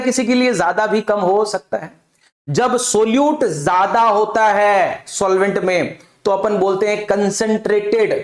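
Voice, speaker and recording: A man teaching a chemistry lesson, asking his own questions and answering them, repeating key terms. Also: high-pitched. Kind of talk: classroom lecture with demonstration. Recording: echoey room.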